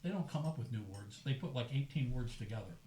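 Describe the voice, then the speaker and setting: A man's voice: mid-range voice, quick pace, a loud crowd. An older American man hosting a dinner, chatting casually and telling stories. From United States. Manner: storytelling, relaxed and chatty. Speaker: host. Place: room at a dinner gathering. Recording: echoey room with faint background noise.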